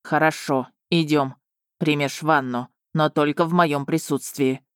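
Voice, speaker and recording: A woman voicing a calm, composed young male emperor who speaks evenly. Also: low-pitched, a little slow, clear, resonant tone, no room sound, clean studio sound. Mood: weary.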